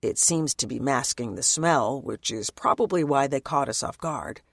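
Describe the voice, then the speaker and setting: A steady male survivor who keeps his companion safe through a zombie apocalypse, as a woman reads him aloud. He talks in a calm, lowered, reassuring tone and keeps his words short. The read is close and dry, with no room sound. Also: moderate pace, gravelly, no room sound, heavily acted.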